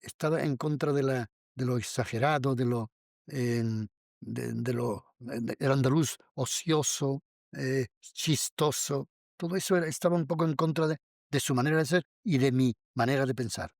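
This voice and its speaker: A man with a mid-pitched voice talks slowly in an interview, stopping and restarting as he thinks. The recording is dry and close. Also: gravelly, no room sound. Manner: halting, hesitant, many restarts. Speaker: documentary interviewee. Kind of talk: reflective interview talk.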